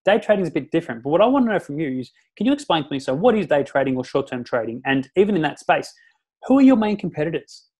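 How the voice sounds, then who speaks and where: A man's voice: on the high side, very animated, fast, a little mellow, husky. Upbeat man hosting a podcast. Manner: chatty, upbeat, matey. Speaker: podcast host. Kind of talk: casual interview chat.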